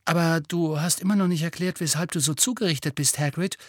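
An eager teenage boy, as an audiobook reader puts him on, pitched higher and louder than the narration. He talks quickly and excitedly, with a husky edge and a dry close sound. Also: no room sound, close to an everyday voice. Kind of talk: audiobook character voice.

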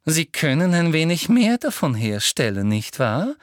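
A man's voice: on the high side, big pitch swings, unhurried, dry recording, clean studio sound, pitched above the performer's own voice. A man voicing a tyrannical older woman headmistress with a girlishly sweet voice that turns to shrieking. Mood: sugary.

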